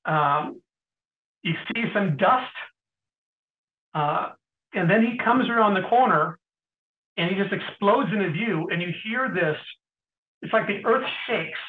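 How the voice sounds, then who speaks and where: A middle-aged man, an interview guest, tells stories in a casual way, often clearing his throat and pausing with fillers. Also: sits high, animated, a little hiss or hum. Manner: anecdotal, frequent throat clearing and hesitant fillers. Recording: tinny phone-like sound.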